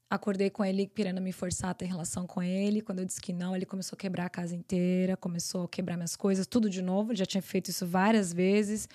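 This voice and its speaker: Fast-talking Brazilian woman telling her story. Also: medium pitch, mellow. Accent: Brazilian Portuguese. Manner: earnest, tells events in long rapid runs. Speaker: guest. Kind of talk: personal storytelling in a podcast interview.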